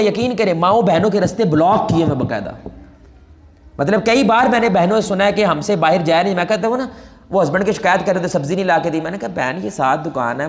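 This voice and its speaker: A man with a Pakistani Urdu accent giving an animated sermon, asking the audience questions. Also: sits high, echoey room, long reverb tail. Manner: animated, asks the audience questions, mixes in Punjabi quotes. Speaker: preacher.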